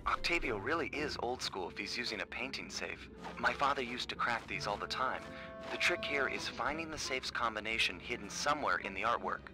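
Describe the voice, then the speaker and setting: A man's voice: medium pitch, lively intonation, fairly quick, over music, close to an everyday voice. An actor voicing a suave, wry male master thief in a video game. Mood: coaching. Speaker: game character.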